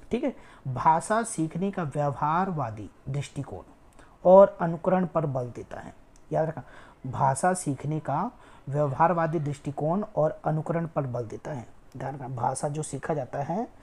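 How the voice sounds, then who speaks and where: A woman's voice: sits low, dark tone. A woman teaching an online exam-prep lecture, explaining step by step and repeating key words for emphasis. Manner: frequent "ठीक है" checks.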